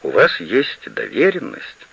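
A man's voice: medium pitch, wildly swooping pitch, slow pace, creaky, sharp tone, slightly rough, pitched above the performer's own voice, exaggerated voice. A man reading an audiobook and voicing a proud, demanding woman who owns an estate, on a slightly lo-fi recording. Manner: insistent and demanding. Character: proud, pleading, imperious woman estate owner.

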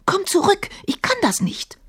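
A plucky eight-year-old girl from a storybook , played by a woman narrator, quick to startle and quick to take offence. Her voice is high and breathy. It leaps up and down. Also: big pitch swings. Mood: indignant. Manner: sharp, indignant exclamations.

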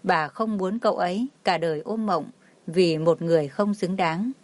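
A woman's voice: lowish voice, moderate pace, no room sound. A woman reading a dramatic family story aloud as a storyteller, voicing every part with little change to her voice. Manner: reads all the figures herself, barely changing her voice. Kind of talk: scripted narration.

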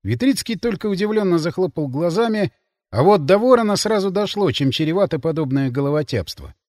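A man narrating first-person fiction in an expressive, dramatic reading. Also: sits high, brisk, no room sound, clean studio sound. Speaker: audiobook narrator.

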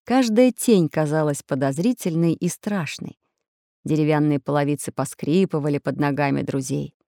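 A woman narrating a children's storybook in an expressive, clear reading. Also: low voice, moderate pace, no echo, clean studio sound.

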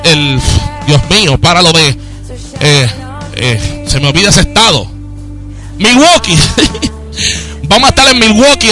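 A man's voice: sits high, sharp tone. A man with a Puerto Rican Spanish accent preaching and praying fervently on a radio program, peppering his talk with hallelujahs. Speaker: evangelist.

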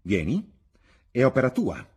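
A man reading the part of an arrogant, scornful young gentleman in an audiobook, with a sneering, cutting manner. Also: medium pitch, wildly swooping pitch, unhurried, slightly rough, pitched above the performer's own voice, full character voice. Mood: defiant.

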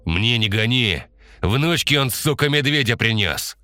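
A man voicing a hot-tempered young man who shouts coarse threats in an audiobook. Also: mid-range voice, lively intonation, unhurried, no room sound, pitched above the performer's own voice. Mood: furious.

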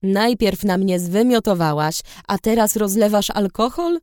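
A woman's voice: mid-range voice, a little slow, a little mellow, no echo, clean studio sound, natural voice. A woman voicing a sarcastic, teasing young man in a storybook reading. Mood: mocking.

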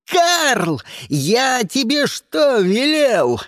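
A man's voice: very high-pitched, wildly swooping pitch, drawn-out words, a bit bright, no echo, studio quality, voice pushed up, heavily acted. A reader voicing a bullying armed male agent who barks orders in a storybook reading. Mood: angry. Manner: barking orders.

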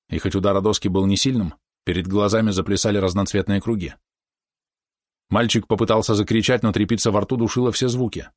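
A man narrating an audiobook in a steady, measured storytelling manner. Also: on the low side, no echo, clean studio sound. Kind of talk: scripted narration.

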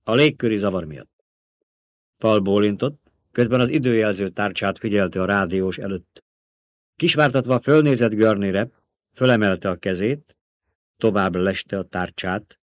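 A man narrating an audiobook in an even, steady reading, in a dull lo-fi recording. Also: lowish voice, no room sound. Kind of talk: scripted narration.

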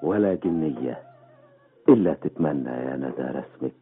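A proud, romantic man. His voice is deep and moves expressively, in an old radio drama with dulled sound. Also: expressive, moderate pace, breathy edge, full character voice. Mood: tender, romantic. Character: proud Bedouin man, vengeful yet tenderly romantic. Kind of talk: Arabic radio drama acting. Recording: dull old radio recording, faint music.

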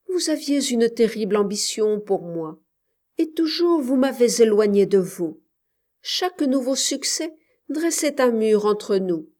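A woman's voice: fairly high pitch, darkish tone. A woman reading the part of a young man who has returned as a scholar, reproachful and bitter, in an audiobook.

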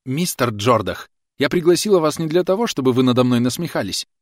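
A man voicing a prim, indignant female schoolteacher in an audiobook, talking in a shrill, huffy and outraged manner. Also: sing-song, fast, no room sound, clean studio sound.

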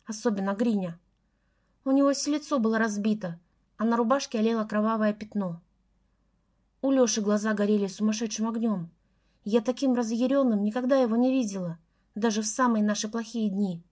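A woman narrates a novel in the first person. Her voice sits a bit high, and her telling is tense and close. It sounds like a steady audiobook reading.

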